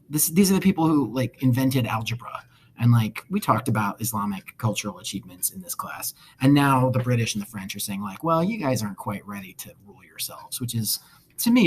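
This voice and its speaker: A man's voice: mid-range voice, slight background noise. A male history teacher giving a casual recorded lecture, conversational with wry asides.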